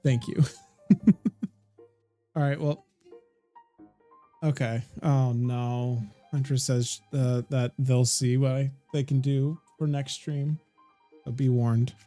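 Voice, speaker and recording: A man's voice: medium pitch, fairly even intonation, slow, long pauses, dark tone, soft background music. A man casually chatting with his chat while streaming a game, laughing often and trailing off into restarts.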